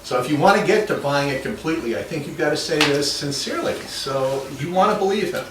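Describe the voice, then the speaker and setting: A man's voice: on the high side, lively intonation, quick pace. A man coaching actors through a scene, giving thoughtful notes that he often restarts. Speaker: acting coach. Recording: echoey room from a distance, noisy.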